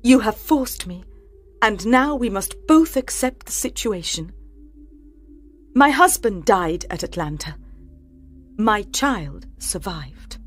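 A woman voicing a proud young wife and mother who pleads with feeling, in an audiobook drama with soft music behind. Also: mid-range voice, lively intonation, takes it slowly, pauses often. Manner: pleading, emotional delivery.

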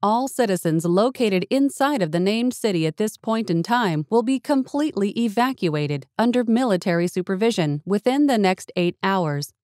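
A woman reading a scripted official emergency announcement in a formal, measured, impersonal way. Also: medium pitch, expressive, a little mellow, dry recording, clean studio sound.

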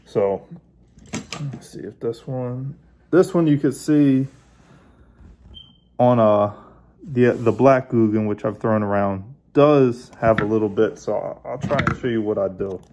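A man hosting his own fishing channel, casually showing how he bends and adjusts a lure while he talks, in a relaxed hands-on way. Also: mid-range voice, a little slow, long pauses, slight background noise. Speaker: bass angler, channel host.

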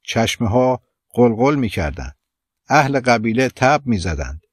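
A man narrating an audiobook of a literary novel in a measured, steady reading. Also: medium pitch, no echo.

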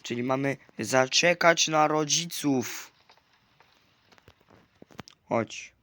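A man commentating a video game, chatting to the game characters with sudden loud outbursts. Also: mid-range voice, drawn-out words. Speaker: gamer. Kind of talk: let's play commentary. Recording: clear clicking noise behind.

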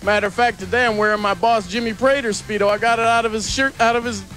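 A man's voice: sits high, fairly even intonation, fast, a bit bright, faint music behind. A man acting as a car dealership spokesman, with boastful, jokey ad patter. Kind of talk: comic ad patter.

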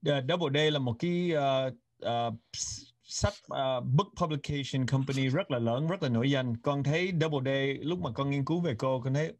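A man's voice: mid-range voice, moderate pace, few pauses, no room sound. A man born in the United States hosting an interview, speaking earnestly and mixing Vietnamese with English words. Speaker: host.

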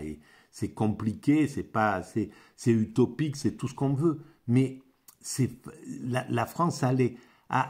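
A man rambling through a philosophy monologue, halting often and repeating words as he searches for them. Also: mid-range voice, creaky, dark tone, breathy edge. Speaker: amateur philosophy vlogger.

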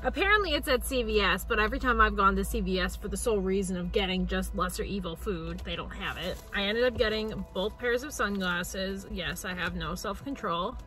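A woman's voice: mid-range voice, brisk, hardly any pauses, pushed and bright. A young woman in her twenties chatting casually and rambling cheerfully in a vlog, filmed on a phone in her bathroom and parked car. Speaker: vlogger.

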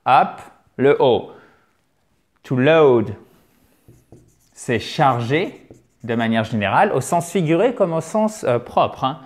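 A man teaching vocabulary, chatty and encouraging, slowing down to exaggerate pronunciation drills. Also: mid-range voice. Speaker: English teacher. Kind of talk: vocabulary lesson.

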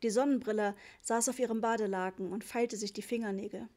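Woman audiobook reader, lively storyteller, fairly high voice. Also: a little fast. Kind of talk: scripted audiobook narration.

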